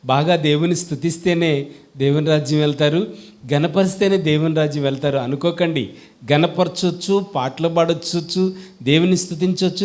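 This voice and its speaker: A man with a Telugu accent preaching a sermon, who keeps quizzing his congregation with questions and swings between loud calls and quiet asides. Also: a little high. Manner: call-and-response questions to the congregation.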